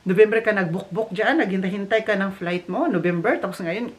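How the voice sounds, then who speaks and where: A woman from the Philippines vlogging casually from Germany, telling a story with animated restarts and English mixed in. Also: mid-range voice, brisk. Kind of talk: casual vlog chat.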